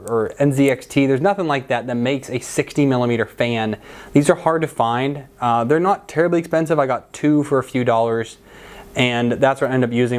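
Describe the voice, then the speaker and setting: An American man in his thirties talks at a medium pitch in a casual, chatty style. He explains things informally, like a hands-on host speaking to camera in his workshop. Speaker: host of a 3D printing channel. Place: cluttered indoor workshop.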